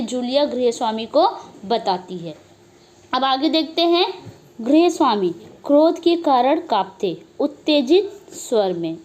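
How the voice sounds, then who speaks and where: A woman's voice: sits high, a little mellow. A woman teacher explaining a play to students, asking herself questions and answering them, with frequent "okay" fillers. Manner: asks herself questions and answers them, repeats 'okay' often.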